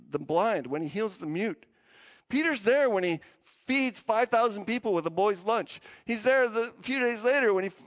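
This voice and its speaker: A pastor who preaches in a casual, animated storytelling way. His voice sits high for a man. The room adds a long, lingering reverb to every phrase. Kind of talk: sermon. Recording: long church hall reverb.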